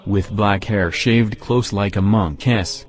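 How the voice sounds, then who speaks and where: Low-voiced man narrating history. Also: slow pace.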